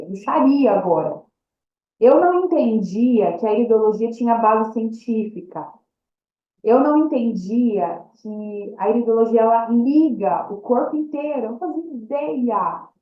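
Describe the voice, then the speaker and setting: A woman's voice: on the high side, lively intonation, moderate pace. A woman telling her own story as a personal testimony, acting out the dialogue she recounts. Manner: storytelling that acts out quoted dialogue. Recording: echoey room, dull lo-fi sound.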